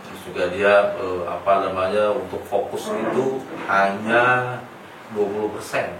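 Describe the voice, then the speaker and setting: Male clinic therapist, gentle and explanatory, off-mic in a very echoey room. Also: fairly low pitch, steady tone, measured pace. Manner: gentle coaching, then plain explanation to parents. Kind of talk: clinical consultation with a patient and family. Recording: echoey room, mic at a distance, faint noise.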